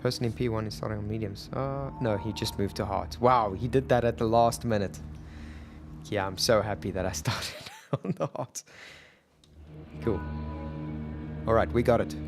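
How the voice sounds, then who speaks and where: Over loud engine noise from a sim racing game, a South African man gives live gameplay commentary, chatting and thinking aloud as he streams. His voice is on the low side with vocal fry, normal in speed, with frequent pauses and music in the mix.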